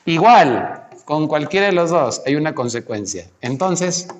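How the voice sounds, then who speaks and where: A man's voice: fairly high pitch, lively intonation, measured pace, slight background noise. A man tutoring a student through logic exercises, patient and coaxing, asking many questions. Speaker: math tutor. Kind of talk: teaching logic exercises one-on-one.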